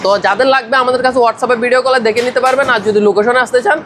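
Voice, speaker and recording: A man from Bangladesh, a shopkeeper making a sales pitch in a roadside shop, with repetitive selling patter. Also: steady tone, very fast, fairly bright tone. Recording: faint traffic noise. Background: traffic noise.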